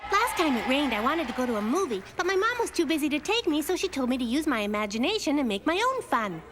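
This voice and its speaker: A woman voicing a spirited, bossy young girl in an animated cartoon, emphatic and excitable. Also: high voice, fast talker, background noise. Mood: playful storytelling. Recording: music behind the voice.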